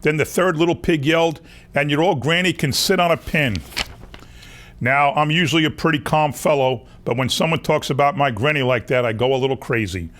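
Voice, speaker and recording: A man with a somewhat high, bright, everyday-sounding voice reads a children's picture book aloud a little fast. He narrates as an aggrieved male wolf who insists he was wronged, excusing himself in a folksy, confiding way.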